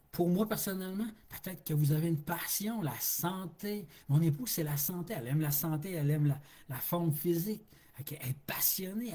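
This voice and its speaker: Québécois preacher man, warm husky voice. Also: a little high. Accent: Québécois French. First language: French. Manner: folksy, laughs easily, repeats words for emphasis. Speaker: street pastor. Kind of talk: informal sermon on a live stream.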